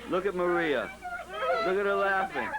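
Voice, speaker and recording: A man's voice: high voice, expressive, normal speed. A man behind a camcorder giving casual running commentary and coaxing guests to pose, on an old home video. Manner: coaxing, directing people to pose. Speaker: home video cameraman and narrator. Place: busy restaurant party, behind the camera. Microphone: camcorder microphone. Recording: old home video, noisy party chatter.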